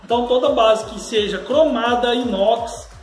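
A man's voice: extremely high pitch, normal speed, echoey room, soft background music. A man with a Brazilian Portuguese accent, a custom painter, patiently explaining a paint job step by step in a casual way.

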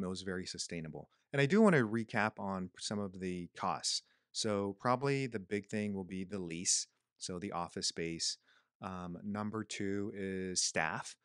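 A man in his thirties co-hosts a podcast from a small quiet room. His voice sits low, and he talks casually, running through items one by one. The sound is dry and close on a studio mic. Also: no room sound. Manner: relaxed, listing points with fillers. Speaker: podcast co-host, clinic owner. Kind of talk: casual explanatory podcast talk. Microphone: studio mic on stand, headphones.

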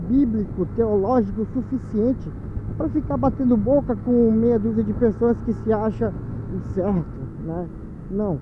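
A man from Manaus with an Amazonas Brazilian accent, talking casually and in slang to his viewers while riding a motorcycle at night, captured on a camera mounted on the helmet or bike. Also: very high-pitched. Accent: Brazilian Portuguese, Amazonas. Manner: slangy, repeats phrases, talks to viewers as "brother". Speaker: motovlogger. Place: on a motorcycle on city streets at night. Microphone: helmet or bike-mounted action camera. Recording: tinny lo-fi camera audio with faint wind and road noise.

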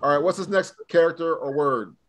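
A man's voice: fairly high pitch, fairly quick, fairly bright tone. A man teaching a live online Hebrew class, speaking casually and drilling students with questions.

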